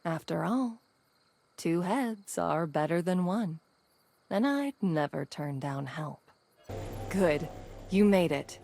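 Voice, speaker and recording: A woman's voice: sits low, vocal fry, darkish tone. An actress voicing a level-headed, skeptical female survivor companion in a video game, matter-of-fact in manner.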